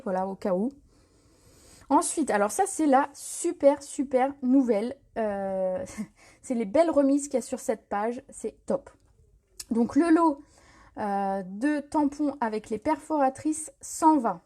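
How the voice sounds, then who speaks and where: A woman's voice: on the high side, dark tone. A woman hosting a live stream to sell craft products, talking casually with many hesitations and repeated words. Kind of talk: casual live sales chat.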